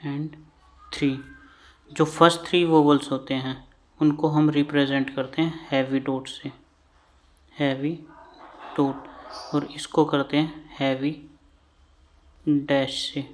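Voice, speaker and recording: A man's voice: on the high side, slight background noise. A man with an Indian English accent teaching shorthand vowels, patiently repeating each term while he writes. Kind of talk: slow classroom lesson at a board.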